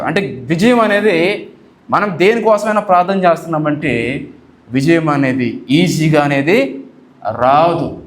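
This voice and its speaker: A male pastor preaching a sermon, firing rhetorical questions at his listeners and acting out commanding prayers. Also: on the high side.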